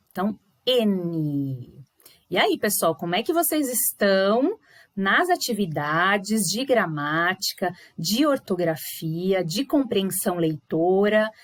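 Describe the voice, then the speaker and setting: A woman teacher from Brazil giving a recorded lesson to primary pupils, encouraging them and sounding out words slowly, repeating each one. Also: fairly high pitch, no echo. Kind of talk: recorded remote lesson correcting exercises.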